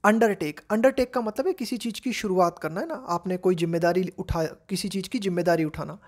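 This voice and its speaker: An Indian woman teaching English, reading editorial phrases slowly and explaining each one in Hindi. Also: lowish voice.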